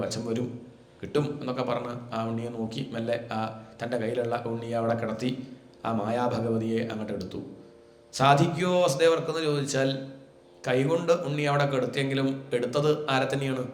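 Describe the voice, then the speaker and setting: A man teaching a devotional scripture discourse, telling the story and chanting Sanskrit verses slowly between his explanations. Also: medium pitch, echoey room. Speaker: Bhagavatam teacher.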